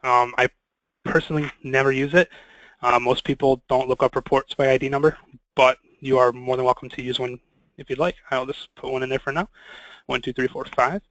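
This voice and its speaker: A man leading a screen-share software training, talking casually with many fillers. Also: medium pitch, level tone, brisk, no room sound, dull audio.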